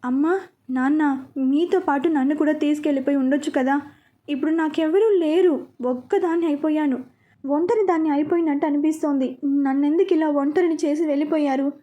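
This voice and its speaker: A woman's voice: sits high, steady tone, normal speed, dark tone, close to an everyday voice. A woman voicing a grieving young wife who speaks earnestly and firmly, in a storybook reading. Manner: earnest, pleading.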